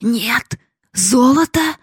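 A woman voicing a miserly old male cooper who coaxes his daughter in whispers and then bellows at her about his gold, read as an audiobook with a slow, husky, gravelly voice. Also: high voice, fairly even intonation, no room sound, clean studio sound, full character voice. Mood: raging. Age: older. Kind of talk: audiobook reading.

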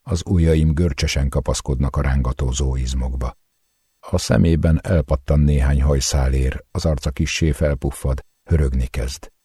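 Super deep husky guy reading an audiobook, dark and dry, intense first-person narration. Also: steady tone, no room sound.

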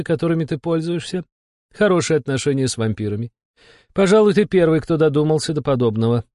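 A man voicing a weary, sarcastic female demon supervisor with a husky, irritated voice. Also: fairly high pitch, mellow, no echo, studio quality, pitched above the performer's own voice, natural voice. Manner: irritated, mocking, drawling. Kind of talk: audiobook character voice.

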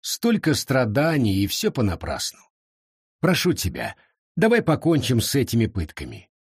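A man's voice: medium pitch, wildly swooping pitch, breathy edge, dry recording, studio quality, exaggerated voice. A man voicing a stern, methodical male captain who questions an accused witch with cool authority, in a storybook reading. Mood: coaxing menace. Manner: coolly authoritative, measured.

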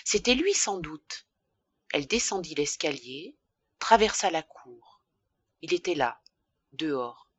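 A woman narrating a classic novel for an audiobook in an expressive, measured reading. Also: low-pitched, breathy edge, no room sound.

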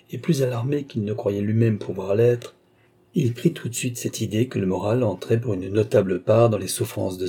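A male audiobook narrator reading a classic novel. His voice is mellow with a husky grain, and his delivery is measured and dramatic. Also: on the low side. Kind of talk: scripted narration.

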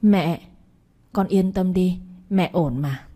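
A woman's voice: fairly low pitch, takes it slowly, dark tone. A woman voicing a weak, stubborn mother. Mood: insistent. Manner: weak yet insistent. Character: injured, stubborn middle-aged mother, weak voice. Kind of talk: audiobook reading.

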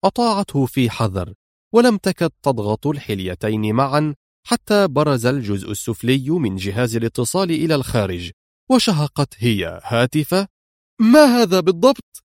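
A man narrating a thriller audiobook with expressive storytelling. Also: mid-range voice, moderate pace, dry recording, clean studio sound.

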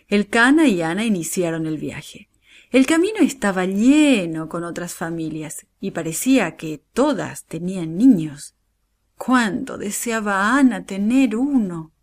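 A woman storyteller narrating a Bible story for children in a warm, expressive way. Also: mid-range voice.

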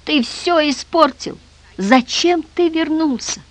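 A narrator voicing a deranged, hoarse middle-aged man who pants and mutters fanatically in an audiobook. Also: medium pitch, very animated, moderate pace, fairly bright tone, no echo. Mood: despairing. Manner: panting, muttering.

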